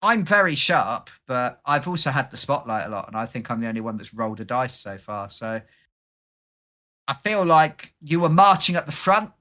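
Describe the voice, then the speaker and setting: A player in a tabletop role-playing session, upbeat and quick to laugh. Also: mid-range voice, very animated, sharp tone. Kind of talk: casual tabletop play chat.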